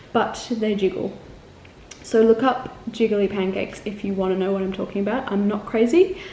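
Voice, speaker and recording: Warm and fairly high-pitched, the voice belongs to a young Australian travel vlogger from Melbourne talking informally to camera. She rambles, often correcting herself and saying um, and the room carries an echo with faint ambient noise.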